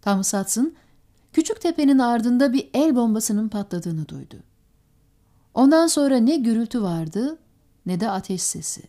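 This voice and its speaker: A woman reading an audiobook narration in a steady, measured way. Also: on the high side.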